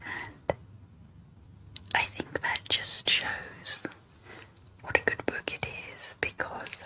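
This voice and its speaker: A woman doing a whispered role-play in a soft, unvoiced ASMR whisper, speaking slowly and deliberately. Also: low-quality recording. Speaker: ASMR video creator.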